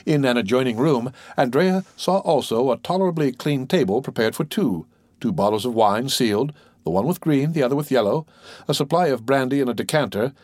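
A man reading a classic novel aloud as an audiobook narrator, in a steady, measured way, close to the mic. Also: medium pitch, no echo. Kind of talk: scripted narration.

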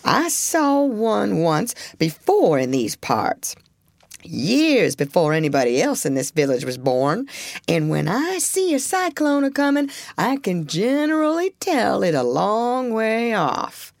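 A woman voicing an old grandfather beaver who talks in a slow, folksy drawl. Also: medium pitch, big pitch swings, gravelly, dry recording, studio quality, heavily acted. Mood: solemn.

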